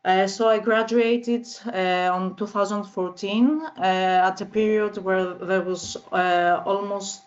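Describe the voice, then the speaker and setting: Slow, flat-voiced Greek woman. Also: mid-range voice. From northern Greece. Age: 30s. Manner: measured and halting, frequent filler sounds. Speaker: guest. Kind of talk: interview answers. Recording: slightly muffled audio.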